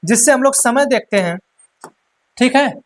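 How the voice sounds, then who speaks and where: A man's voice: very high voice, expressive, normal speed. A man teaching a lesson, repeating each point and quizzing listeners, with an Eastern Hindi accent. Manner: repetitive, quizzes listeners with "क्या कहेंगे?" and "ठीक है". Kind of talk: classroom lesson.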